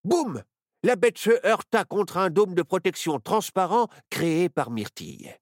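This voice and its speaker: A man reading a children's adventure story with playful, expressive delivery. His voice is fairly high for a man and swings widely in pitch. The recording is close and dry. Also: normal speed, no echo. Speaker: narrator.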